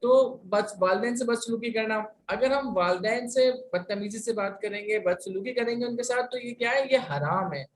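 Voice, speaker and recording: A man from Pakistan teaching a religious class, patiently asking rhetorical questions and answering them himself. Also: very high-pitched. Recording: roomy sound, distant from mic, faint hiss.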